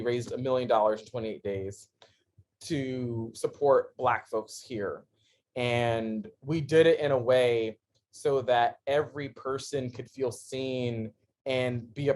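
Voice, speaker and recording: A man in his thirties, a guest on a podcast, telling his story in a casual interview, laughing often and swinging between excitement and quiet earnestness. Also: mid-range voice, a little slow, a little hiss or hum. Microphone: podcast microphone.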